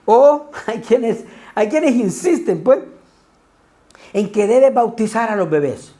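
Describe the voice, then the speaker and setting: A man preaching a lively sermon, his pitch swinging widely from line to line. His tone is mellow and dark, and he keeps tossing quick rhetorical asides at the congregation. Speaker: pastor.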